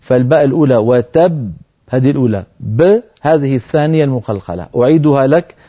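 A man teaching Quran recitation on a TV program, answering viewer questions firmly and reciting verses slowly to demonstrate. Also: mid-range voice, warm tone, muffled recording.

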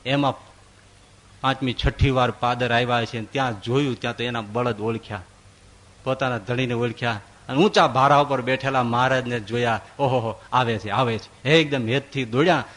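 A male swami gives a devotional discourse and tells a story, acting out the characters' dialogue with big swings in pitch and loudness. His tone is otherwise steady, and he speaks at normal speed.

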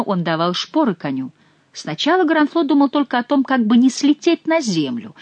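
A woman reading a classic adventure novel aloud with expressive, animated storytelling. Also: on the high side, no echo, muffled recording. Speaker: audiobook narrator. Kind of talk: scripted narration of a novel.

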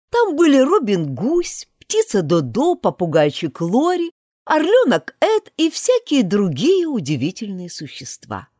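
A woman narrating a children's audiobook in an expressive storybook manner. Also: on the high side, no echo, studio quality. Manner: expressive, animated reading.

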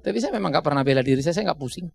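A man's voice: a little high, expressive, very fast, gravelly, slightly rough. A middle-aged male pastor, preaching a sermon in a conversational way, often laughing at his own stories. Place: church.

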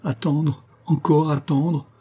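A desperate mother in exile pleads in a broken, anguished voice, as a male reader puts her on. The pitch is lifted well above the reader's dark natural tone. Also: unhurried, creaky, slightly rough.

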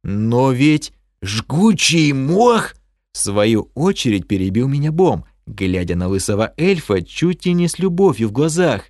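A man reading a fantasy audiobook in the first person, his voice at a middle pitch with lively rises and falls. He tells the story expressively. The sound is dry and close to the mic. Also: moderate pace, few pauses, no echo. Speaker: audiobook narrator.

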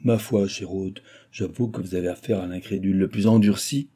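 A man's voice: low voice, fairly even intonation, fairly quick, dark tone, husky. A man reading an audiobook, voicing an old, skeptical, blustering nobleman with a sarcastic manner.

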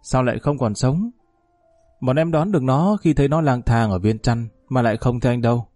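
A nervous, fawning gangster underling pleads in a raised, eager voice, as a male narrator puts him on. The tone stays mellow and dry, with faint music behind this audio story. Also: medium pitch, brisk, dry recording, lightly acted. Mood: pleading.

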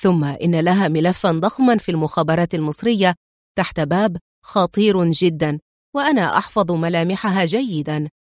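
A woman voicing a calm, sardonic male secret agent who talks in a dry, mildly mocking way, in a storybook reading. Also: on the low side, a little fast, no echo, close to an everyday voice. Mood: wry.

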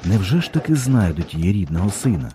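Deep, dark-voiced male narrator. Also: sing-song, fast, a little hiss or hum. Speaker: audiobook narrator. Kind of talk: scripted literary narration.

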